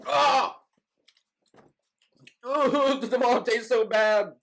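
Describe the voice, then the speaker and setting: A man's voice: very high-pitched, drawn-out words, fairly bright tone. A man hosting a casual food challenge, gasping and exclaiming as his mouth burns from spicy food. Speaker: host of a hot wings challenge.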